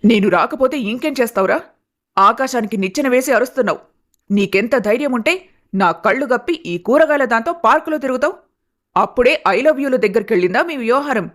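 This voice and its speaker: A woman's voice: a little high, expressive, brisk, close to an everyday voice. A woman voicing a haughty furious mother. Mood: scolding, furious. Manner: scolding, domineering. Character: haughty furious middle-aged mother, status-proud. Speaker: hero's mother.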